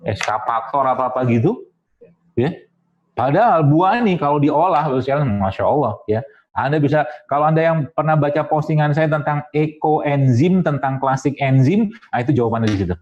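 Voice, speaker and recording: A man's voice: medium pitch, darkish tone. A man giving a casual, jokey health talk to an audience, with sound effects and quoted voices. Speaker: Islamic health speaker. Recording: dull lo-fi sound.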